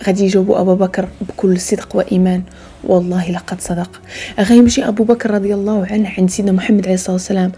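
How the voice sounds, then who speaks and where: A woman with a Moroccan Arabic accent telling a religious story in a soft voice that often slips into a hushed whisper. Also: medium pitch, slightly rough.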